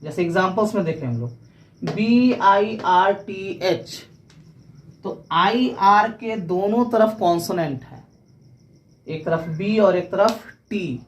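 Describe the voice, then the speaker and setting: A woman teaching English pronunciation, explaining rules step by step and spelling words out letter by letter. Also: on the low side.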